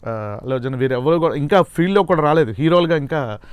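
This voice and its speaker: A man as a mimicry artist guest, soft-spoken and hesitant, chatting casually in an interview. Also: a little high, lively intonation, fast, clean tone, no echo.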